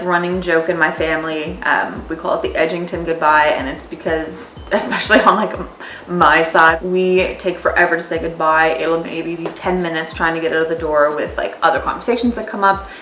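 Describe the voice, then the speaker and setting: A woman's voice: fairly low pitch, a bit bright, slight background noise. A woman hosting a casual storytelling vlog, informal and sweary, playing both parts in re-enacted conversations. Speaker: video host and tradeswoman. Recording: roomy echo, faint music.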